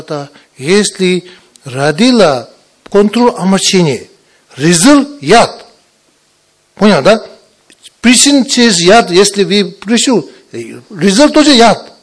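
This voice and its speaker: Teaching Buddhism to his students, a foreign-accented man who is not a native Russian speaker talks in broken Russian with incorrect endings. His voice sits high, and his halting, repetitive delivery keeps stopping for quick tag questions to make sure listeners follow.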